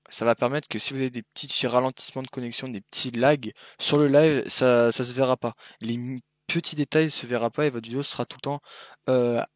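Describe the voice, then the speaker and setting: A man's voice: medium pitch, dry recording, clean studio sound. A young man walking viewers through streaming settings in a casual, rambling tutorial, often correcting himself mid-sentence. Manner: rambling, self-correcting, informal. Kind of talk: casual screen-recorded tutorial.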